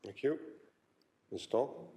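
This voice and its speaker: A man serving as mayor, chairing a city council meeting in a measured way with frequent pauses and fillers. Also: warm tone. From Canada.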